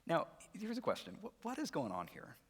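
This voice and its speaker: A man's voice: on the high side, wildly swooping pitch, brisk, breathy edge. A man preaching a sermon, telling the story with animation and acting out the characters' voices. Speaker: pastor. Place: church sanctuary. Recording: long hall reverb.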